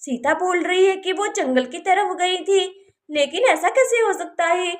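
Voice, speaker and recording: A woman's voice: extremely high pitch, a little slow. A woman voicing a kind, caring young village woman in a doll story, speaking politely and soothingly. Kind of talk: Hindi doll-story voice acting.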